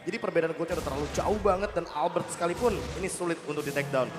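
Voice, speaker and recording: A man's voice: on the high side, racing. A man giving analytical live commentary on an esports match. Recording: echoey sound, loud music behind.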